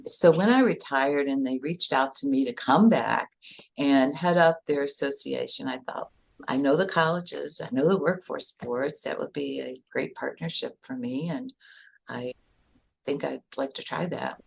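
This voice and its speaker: A woman's voice: a bass voice, a little slow, vocal fry, slightly rough. An older woman from upstate New York, a podcast guest telling her career story in a chatty way, with frequent restarts. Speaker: guest, workforce association director. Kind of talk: interview answer, storytelling.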